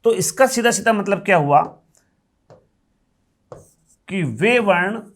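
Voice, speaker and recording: A man's voice: high-pitched, animated, takes it slowly. A male Hindi grammar teacher giving a classroom lecture, explaining step by step, asking questions and answering them himself, and repeating key terms.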